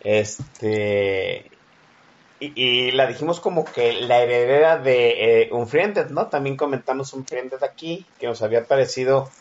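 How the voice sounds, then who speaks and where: A man's voice: medium pitch, unhurried, lo-fi sound. A man co-hosting a casual film chat, chiming in with short agreeing remarks. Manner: brief agreeing interjections. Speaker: co-host.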